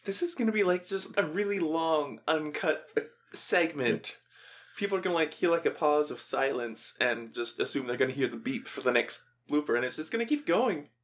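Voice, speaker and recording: A man's voice: fairly high pitch, animated, moderate pace. A man hosting a podcast, chatting casually in outtakes with wry, self-mocking jokes. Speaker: podcast host. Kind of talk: casual joking chat in outtakes.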